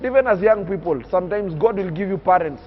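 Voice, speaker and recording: A nineteen-year-old Kenyan man, a young public speaker interviewed on TV, tells his life story earnestly with an emphatic, oratorical, preacher-like cadence. His voice is high-pitched and animated, and he speaks quickly. The sound is lo-fi, with a little hiss or hum.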